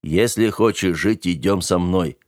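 A man voicing a lifeless metallic cyborg robot that speaks slowly and flatly, in a dry close recording. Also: deep voice, no room sound. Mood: flat robotic. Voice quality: slow metallic monotone.

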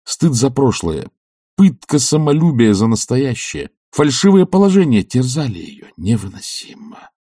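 A man narrating a classic novel as an audiobook in a measured, expressive reading. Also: medium pitch, breathy edge, no echo, studio quality.

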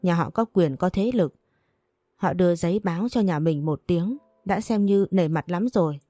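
A woman voicing a young daughter who calmly and firmly persuades her mother. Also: on the low side, moderate pace, no echo, clean studio sound, soft background music, lightly acted. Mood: persuasive. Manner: calm, firm, persuasive. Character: young daughter, resolute and self-sacrificing.

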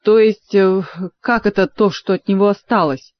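A frightened young woman, done by a woman narrator exclaims in a lifted, shrill voice. The audiobook sound is dry and slightly dull. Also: very animated, a little fast, dry recording. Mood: alarmed.

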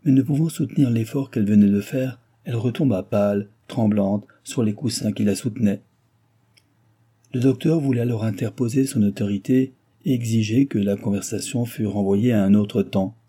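A man narrating a classic novel aloud in a measured, even literary style. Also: lowish voice, husky. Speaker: audiobook narrator.

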